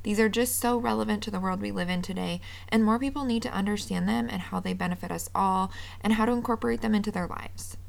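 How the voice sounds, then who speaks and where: A woman's voice: medium pitch, steady tone, quick pace, gravelly, hardly any pauses. A woman hosting a podcast in an upbeat, friendly manner, speaking straight to her listeners. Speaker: podcast host. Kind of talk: scripted podcast intro and sponsor read, then interview chat.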